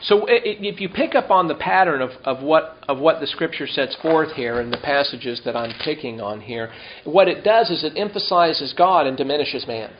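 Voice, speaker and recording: A man preaching a sermon, reading scripture slowly and emphatically and asking the congregation rhetorical questions. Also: fairly high pitch, a little hiss or hum. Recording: dull lo-fi sound.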